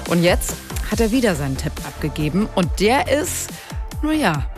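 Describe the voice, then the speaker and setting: A woman's voice: mid-range voice, very animated, moderate pace. A woman presenting news in a conversational, scripted style, linking reports as the moderator. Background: music bed.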